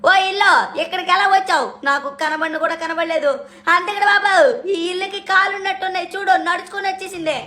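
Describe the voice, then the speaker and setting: Brief: a cheeky, theatrical little cartoon boy, voiced by a woman, high-pitched, chattering and exclaiming. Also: steady tone, fast, sharp tone. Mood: puzzled. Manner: chatty, exclamatory, self-talking. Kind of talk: cartoon fan dub over gameplay.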